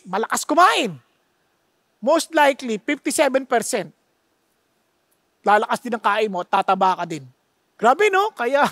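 A man's voice: extremely high pitch, a bit bright, dry recording, studio quality. A man from the Philippines, a pastor preaching a sermon emphatically, with many rhetorical questions and English phrases mixed into his talk. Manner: mixes Tagalog with English phrases.

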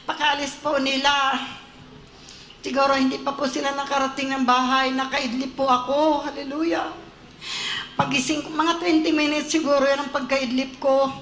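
A woman's voice: sits high, flat delivery, normal speed, a bit bright, reverberant, a little hiss or hum. A woman giving a fervent church testimony, often breaking off to say hallelujah and praise God. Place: church service.

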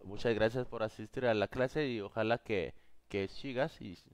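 A man's voice: on the low side, normal speed. A man with as his teaching a live online class, patiently answering viewers' questions. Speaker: Korean teacher.

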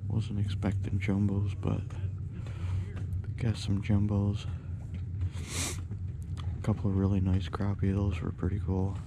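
A man's voice: fairly low pitch, monotone, unhurried, gravelly, pauses often, noisy background. A man casually talking to himself while fishing off a dock, filmed on a body-worn camera. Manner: muttering, coaxing the fish. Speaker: angler filming his fishing trip. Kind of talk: casual self-talk while ice fishing. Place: outdoors on a dock by a lake. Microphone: body-worn action camera.

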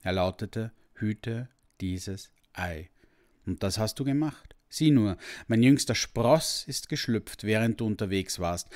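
A man voicing an ancient, kind male dragon in a storybook, speaking slowly and solemnly with a deep rumbling voice. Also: a little mellow, natural voice. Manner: slow, solemn and fatherly. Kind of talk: storybook reading.

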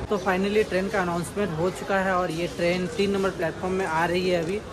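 A man in his thirties with a high, level voice talks a little fast as he makes a casual travel vlog, filming himself with a phone held at arm's length on railway platforms and inside a train. He's chatty, explaining things as he films and mixing in English words. The phone recording picks up loud crowd noise and train sounds.

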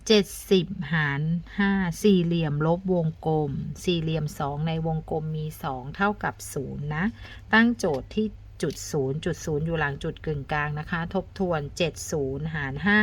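A woman teacher talking students through arithmetic step by step, counting aloud and adding soft polite particles. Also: deep voice, moderate pace. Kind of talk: step-by-step math lesson.

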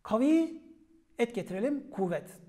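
High-voiced man teaching word roots. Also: very animated, normal speed. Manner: calls out each word sharply, then explains it in a quieter, falling voice. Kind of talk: vocabulary lesson on Ottoman Turkish word roots.

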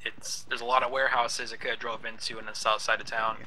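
A man's voice: mid-range voice, level tone, fast, sharp tone. A man in a military simulation game giving radio reports in military jargon over squad voice chat. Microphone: gaming voice chat. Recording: noisy game voice chat with gunfire.

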